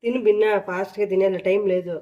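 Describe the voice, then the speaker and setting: A woman narrating a family vlog, gently coaxing her small son and repeating her questions to him. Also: medium pitch, fairly even intonation, quick pace, dull audio. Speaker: mother filming a family vlog.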